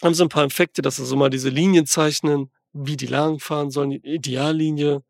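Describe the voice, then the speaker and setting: A man's voice: on the high side, steady tone, brisk, gravelly, no room sound, studio quality. A man ranting in a casual podcast chat about a film, rambling and slangy with lots of fillers. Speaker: podcast co-host reviewing a film.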